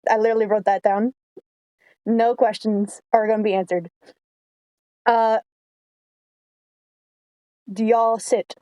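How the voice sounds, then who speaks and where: Young woman dm narrating, laughy and scattered, kinda high voice, dry close sound. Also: level tone, slow pace, long pauses, dark tone, dry recording, poor audio. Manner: playful, laughing, easily distracted. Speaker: game master. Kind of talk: narrating a tabletop game.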